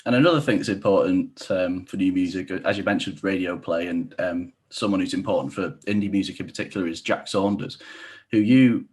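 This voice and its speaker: Young man interviewing, slightly husky low-key voice. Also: a little fast, a little mellow. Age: young adult. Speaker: podcast interviewer. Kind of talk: casual interview. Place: indoor room, video call.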